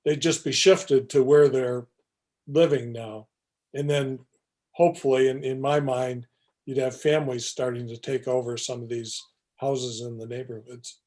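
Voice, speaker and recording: A man's voice: mid-range voice, fairly even intonation, a little slow, darkish tone. A man on a planning commission, laying out his question at a public meeting, hesitant and full of restarts. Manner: hesitant, thinking aloud with many uhs and restarts.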